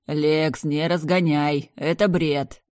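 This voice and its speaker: A frantic young brother, raised and urgent, shouting warnings at his sister, as a woman reads him in a storybook. His voice is loud and pleading, and the recording is dry with no room sound. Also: sits low, fairly even intonation, slow, no room sound.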